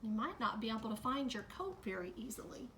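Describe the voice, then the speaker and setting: A middle-aged woman teacher reading a picture book aloud to children, adding gentle comments as she goes. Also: a little high, big pitch swings, a little hiss or hum. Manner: slow, gentle storytime delivery with added comments to kids.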